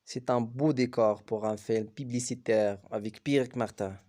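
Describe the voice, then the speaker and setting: A man who teaches French, reading a novel aloud slowly and carefully. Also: mid-range voice, steady tone, mellow. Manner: slow, careful storybook reading.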